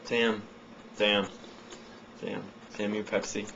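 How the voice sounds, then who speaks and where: A man's voice: on the low side, level tone, slow. A man chatting casually and jokingly, with mock boasts. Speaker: burping contest vlogger. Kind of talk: casual chat. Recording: dull lo-fi audio, loud background noise.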